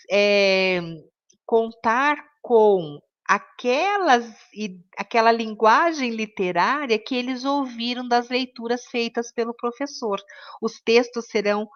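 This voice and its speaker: A woman's voice: fairly high pitch, highs cut off. A woman teaching an online course on reading to children, explaining step by step and often adding tag questions.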